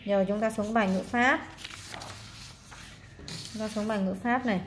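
A woman's voice: medium pitch, steady tone, normal speed, slight background noise. Female teacher, casual exam walkthrough, chatty with fillers. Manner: casual, many fillers, reads words aloud and translates. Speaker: English teacher.

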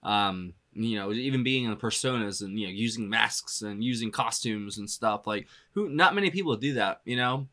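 Drummer guy reacting to a song, rambly, lots of "you know" and "like", bright punchy voice, laughs a lot. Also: fairly low pitch, normal speed, hardly any pauses. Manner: laughs often while talking. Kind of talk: casual reaction commentary.

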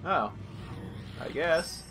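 A man giving casual let's play commentary over a zombie game, excitable and chatting to the enemies on screen. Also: on the high side, extremely slow, music in the background. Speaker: gaming YouTuber. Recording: game sound loud behind the voice.

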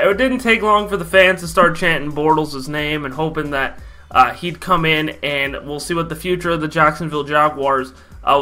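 Young male vlog host, bright tone, rambling casual delivery, faint music bed. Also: fairly high pitch. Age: young adult. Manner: loose, rambling, lots of fillers. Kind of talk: casual sports commentary vlog.

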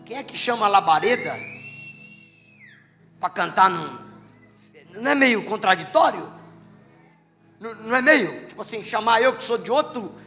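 High-voiced Brazilian pastor preaching. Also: male voice. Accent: Brazilian Portuguese. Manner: lively storyteller, jokes with the congregation. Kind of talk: sermon with a humorous testimony. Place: church hall. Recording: long church hall reverb with faint music.

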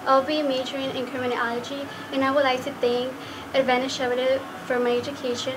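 An eighteen-year-old woman speaks sincerely to the camera in a high, even voice. She sounds a little away from the mic, with clear room ambience around her. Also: fast talker, recorded from a distance, background noise. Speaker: scholarship student. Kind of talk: to-camera testimonial.

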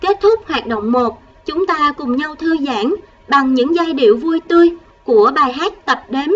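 Woman teacher, high voice, patient and coaxing, counts slowly for young pupils; slight background hiss. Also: lively intonation, recorded from a distance, dull audio. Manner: patient, slow counting, coaxing children with gentle prompts. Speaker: primary school math teacher. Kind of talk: recorded math lesson for first graders.

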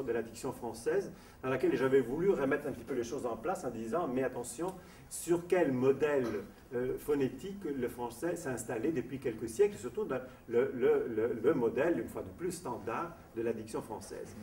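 In a lecture room at a summer school, a Sardinian man who grew up speaking Sardinian and Italian teaches voice and diction. His medium-pitched voice is a little mellow, and he moves step by step through the topic, reading definitions aloud and slipping in asides. The echoey sound comes from a far-off mic, with a faint hiss of noise.

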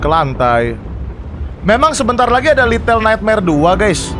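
A young man, chatting excitedly as he streams a game and talks to his viewers. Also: high-pitched. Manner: excitable, chatty, addresses chat as guys. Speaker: gaming streamer. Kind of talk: live game commentary.

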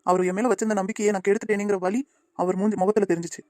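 A woman voicing a gentle, patient young man in a cartoon, soothing and reassuring the people around him. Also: medium pitch, steady tone, dry recording, lightly acted. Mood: sad. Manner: soothing, reassuring, quick talking. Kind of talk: cartoon voice acting.

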